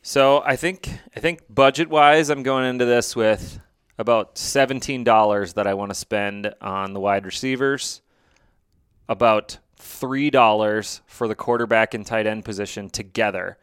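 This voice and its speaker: A man's voice: on the low side, unhurried, fairly bright tone, smooth, no echo, studio quality. A man co-hosting a casual fantasy football chat, thinking aloud with fillers and restarts. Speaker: podcast co-host.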